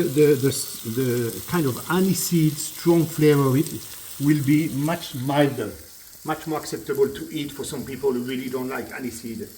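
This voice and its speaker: A man with a French accent, a chef giving a cooking demonstration in a kitchen, chatty and relaxed, often repeating words as he explains. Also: mid-range voice, a little hiss or hum. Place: kitchen at the stove. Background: sizzling frying pan.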